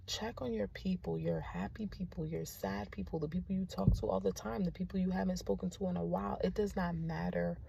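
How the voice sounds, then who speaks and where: A young woman teacher, giving a candid vlog update straight to her viewers, often soft and subdued. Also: fairly low pitch, vocal fry, noisy background.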